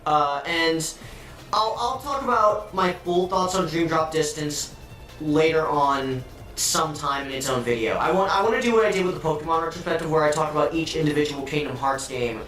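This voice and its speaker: A man reviewing a video game in a casual, excitable and sarcastic way, swearing freely, his voice doubled into a robotic, phasey sound. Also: a little high, moderate pace. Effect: doubled, phasey robotic-sounding audio from an editing mistake. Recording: echoey, distant, doubled audio with faint music.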